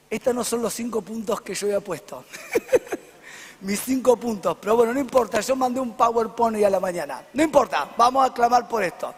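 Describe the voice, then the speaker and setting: High-voiced Argentine pastor, echoey hall. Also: male voice. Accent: Argentine Rioplatense Spanish. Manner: emphatic preaching, checks in with the congregation with frequent "¿sí?". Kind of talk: sermon. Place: church hall before a congregation.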